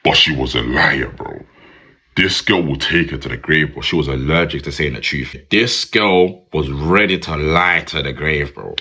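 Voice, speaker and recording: British man with a very deep, husky voice. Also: normal speed. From United Kingdom. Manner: animated, drops "bro" at the end of lines. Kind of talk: casual storytelling to camera.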